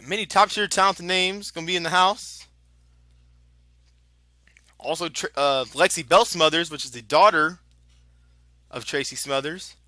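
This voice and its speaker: A male lucha libre announcer with a high-pitched, sharply bright voice, recorded close and dry. He mixes wrestling play-by-play with promotional plugs. His delivery is chatty and informal, given to exclamation. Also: measured pace, long pauses, no room sound.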